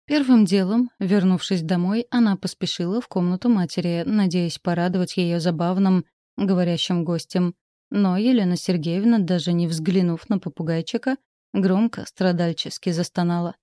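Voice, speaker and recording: A woman narrating a story in a steady, even storytelling manner. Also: lowish voice, moderate pace, dry recording, clean studio sound.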